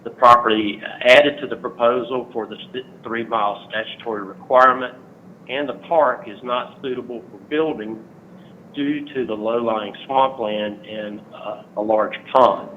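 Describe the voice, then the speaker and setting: A man phones in to give a sincere public comment at a hearing, working from prepared notes with frequent "uh" fillers. He speaks at normal speed in a mid-range voice with fairly even intonation, over a tinny phone connection carrying faint noise.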